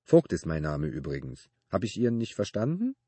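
A man voicing a gruff, lonely older male neighbor with a cracked voice who talks in blunt clipped phrases and turns suspicious and menacing. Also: low voice, huge pitch swings, normal speed, no echo, full character voice. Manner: blunt clipped speech, calling out loudly, suspicious.

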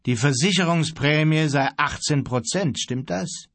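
A man voicing a curious ship's mate who asks plain questions, in a husky voice. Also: on the high side, measured pace, fairly bright tone, no echo.

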